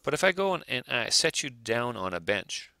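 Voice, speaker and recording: A male math teacher working through examples aloud, thinking out loud and checking in with rhetorical questions. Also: mid-range voice, very animated, normal speed, creaky, no echo. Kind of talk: recorded lecture over worked examples.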